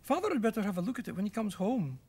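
A man voicing a brisk, fussing cave-dwelling mother in a children's story. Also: high-pitched, big pitch swings, darkish tone, husky, heavily acted.

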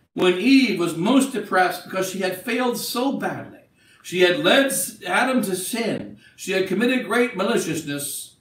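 A middle-aged man preaching a wedding sermon in a small chapel, declaiming and then dropping to quieter practical asides. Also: high-pitched. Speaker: bishop. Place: small chapel at an altar, indoors. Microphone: far camera. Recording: echoey room from a distant camera, faint hiss.

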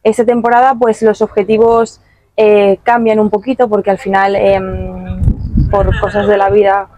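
A young woman padel player answering interview questions after a match, calm and measured, with many fillers, outdoors at a tournament stand on a handheld mic. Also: mid-range voice, dull audio.

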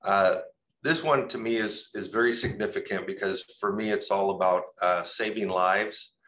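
A police captain talks through slides on a panel in a very deep voice. His tone is bright and forceful, and he stops often with fillers as he explains the numbers. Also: normal speed. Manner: hesitant, many fillers. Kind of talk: presenting data on a panel.

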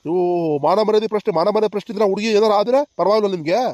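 Man playing a gentle old village grandpa. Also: high voice, racing, dry recording, highs cut off, lightly acted. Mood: reasoning. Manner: soothing, reasoning. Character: kind old village grandfather, calm peacemaker. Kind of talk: cartoon comedy voice acting.

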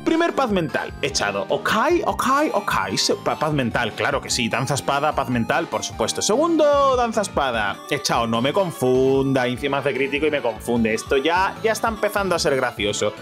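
A man's voice: medium pitch, sing-song, moderate pace, hardly any pauses, over music. A young man with a Spanish accent from Spain, giving jokey, self-mocking commentary over a game playthrough and talking to his viewers. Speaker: gaming YouTuber.

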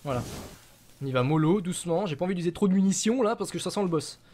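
A young man giving excitable let's play commentary, swearing a lot and shouting at enemies. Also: high voice, quick pace, a little hiss or hum. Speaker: gaming channel host.

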